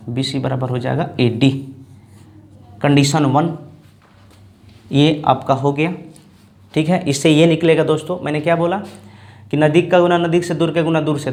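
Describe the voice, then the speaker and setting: A male math teacher giving a board lesson, repeating each term slowly and checking in with his students. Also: fairly high pitch. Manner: repeats terms slowly, checks in with "ठीक ना" and "दोस्तों".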